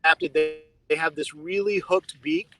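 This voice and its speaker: A man, a biologist guide leading a live outdoor field trip, talking haltingly with fillers while his stream audio cuts out and the volume jumps up and down. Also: fairly high pitch, music in the background, low-quality recording. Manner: halting, with frequent fillers and restarts. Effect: uneven volume with audio cutting out over a laggy live stream. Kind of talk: live outdoor educational talk. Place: outdoors by a marsh.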